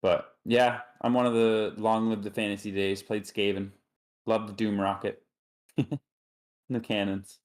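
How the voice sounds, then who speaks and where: Chatty low-voiced male co-commentator. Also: flat delivery, measured pace. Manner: chatty, loose, filler-heavy, jokey. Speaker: tournament co-commentator. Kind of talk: casual live game commentary.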